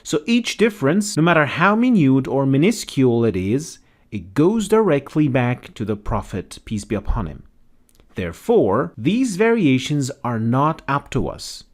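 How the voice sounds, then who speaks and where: A man narrating a scripted educational explainer in a measured, explanatory way. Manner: measured, explanatory, lively pitch.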